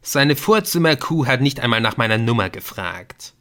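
A man voicing an excitable young man in an audiobook, talking urgently and emphatically. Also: medium pitch, normal speed, natural voice. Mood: insistent. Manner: urgent, emphatic, a little brash.

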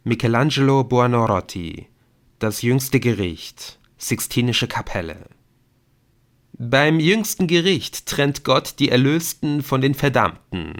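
A man's voice: mid-range voice, lively intonation, takes it slowly. A male audiobook reader voicing a playful, theatrical adult man who loves riddles and teases with mock drama. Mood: theatrical, explaining. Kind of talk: audiobook character voice.

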